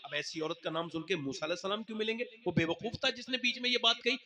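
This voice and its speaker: High, piercing impassioned preacher man. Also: fast. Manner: impassioned, swinging between soaring cries and hushed tones. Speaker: Islamic preacher. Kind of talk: sermon storytelling to a live gathering. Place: gathering with listeners present.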